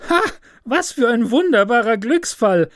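A man voicing an impulsive, self-absorbed young student in a fairy tale, with loud, excited exclamations. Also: on the high side, unhurried, no room sound, studio quality.

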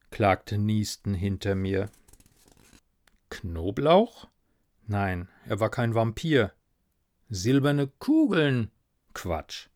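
A man's voice: lowish voice, darkish tone, dry recording. A man narrating a story in a dry, wry tone.

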